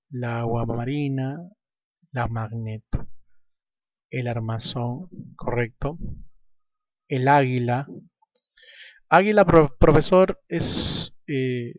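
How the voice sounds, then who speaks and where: A male teacher walks slowly through grammar exercises, stressing each example word before he explains it. His speech is unhurried and deliberate. The recording is dry and a little dull. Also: medium pitch, darkish tone, no echo. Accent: Peruvian Spanish. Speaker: language teacher.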